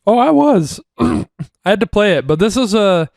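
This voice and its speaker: A man's voice: high voice, sing-song, moderate pace, gravelly, darkish tone, no room sound, studio quality. A man co-hosting a podcast in casual chat, laid-back and blunt, often with short replies. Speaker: podcast co-host.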